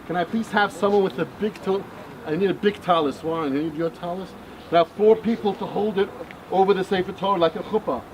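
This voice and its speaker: A man's voice: high-pitched, fairly even intonation, brisk, background noise. A man leading a bar mitzvah ceremony, speaking chattily and checking in with the crowd. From Scotland. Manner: chatty, keeps checking in with "right?" and "okay?". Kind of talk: ceremony speech.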